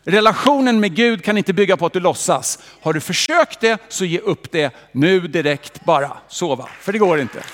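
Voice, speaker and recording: Higher-voiced man preaching in a church. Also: few pauses. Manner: lively, rhetorical questions and direct address to the congregation. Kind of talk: sermon. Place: church hall. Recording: long reverb of a church hall.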